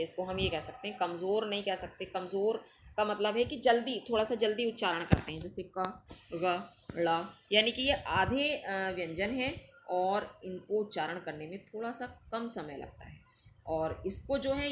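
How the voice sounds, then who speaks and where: A woman teacher talks a class through a grammar lesson, patient and methodical. She explains each point step by step and checks in with the students often. A faint background noise sits under her mid-pitched voice. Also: a bit bright. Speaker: school Hindi teacher.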